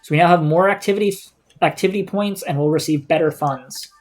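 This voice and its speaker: A man's voice: a little high, a little fast. A man giving casual live gameplay commentary as a streamer, indoors over game audio. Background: game music.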